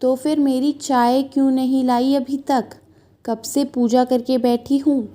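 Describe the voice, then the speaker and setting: A sharp-tongued elderly mother-in-law who nags and scolds at every turn, as a woman storyteller puts her on. The voice is slow, dark and mellow. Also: high voice, level tone, pitched above the performer's own voice. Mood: scolding. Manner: scolding, complaining.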